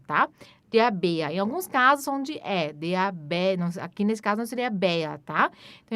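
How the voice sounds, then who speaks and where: Woman teaching german, says each phrase real slow then explains, bouncy tone. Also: on the high side, no room sound. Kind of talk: language lesson.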